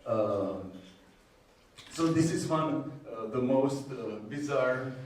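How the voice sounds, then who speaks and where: Slow, halting Czech-accented man in echoey room. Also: medium pitch, lively intonation. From Czech Republic. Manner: hesitant, halting delivery with frequent long pauses. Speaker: conference presenter, university groundwater modeler. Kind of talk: technical conference presentation. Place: indoor presentation room with strong echo. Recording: echoey hall, distant mic, faint noise.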